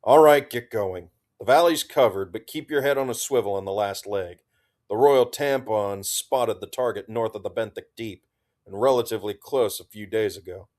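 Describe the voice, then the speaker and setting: A man's voice: lowish voice, normal speed, darkish tone, natural voice. A man voicing a sardonic woman major leading a military squad, speaking drily. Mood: wry.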